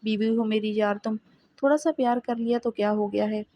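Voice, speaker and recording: A woman's voice: on the high side, fairly even intonation, muffled recording. A woman reading the lines of a young husband who coaxes and teases his wife in an audio novel. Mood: coaxing. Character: young husband, teasing and coaxing.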